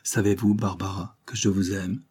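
A calm, tender lawyer, read by a man who speaks softly and slowly. The voice is low, dark and husky, in a gentle audiobook reading. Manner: calm and soft-spoken.

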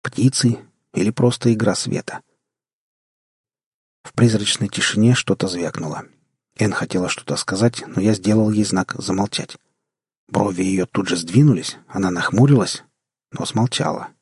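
A man narrating a post-apocalyptic audiobook in the first person, measured and tense. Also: fairly low pitch, breathy edge, no echo, clean studio sound.

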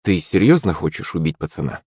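A man voicing a calm, earnest henchman with a conscience in an audiobook. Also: low voice, fairly quick, husky, dry recording, studio quality, heavily acted.

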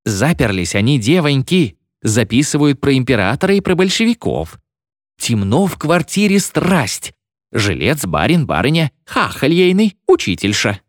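A man reading a story, voicing an excitable young housemaid who breathlessly gossips with her friends. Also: mid-range voice, moderate pace, no echo, studio quality, pitched above the performer's own voice, close to an everyday voice. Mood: gossiping.

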